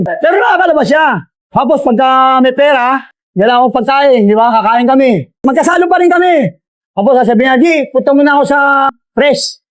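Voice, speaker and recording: An older man recounting his years in prison in a casual, storytelling way, often tagging his sentences with little questions. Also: very high voice. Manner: storytelling with frequent tag questions. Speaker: interviewee, former inmate.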